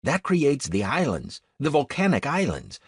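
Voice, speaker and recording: A cheerful Ecuadorian guide in his thirties, played by a man, talking with a Spanish accent in a lively, up-and-down voice with a husky edge. He explains things patiently and slows over tricky words, in a dry, close audiobook read. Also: mid-range voice, no echo, heavily acted. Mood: explaining.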